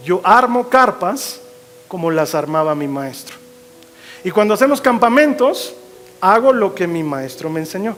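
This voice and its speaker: Male pastor, bright high voice, expressive sermon delivery, soft music underneath. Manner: expressive preaching, swinging from loud to hushed.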